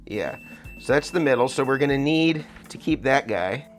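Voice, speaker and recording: An American man hosts a hands-on tutorial, his voice muffled by a face mask. He explains things step by step at a middling pitch. Music plays faintly behind him. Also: expressive, normal speed. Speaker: tutorial host, guitar rig builder.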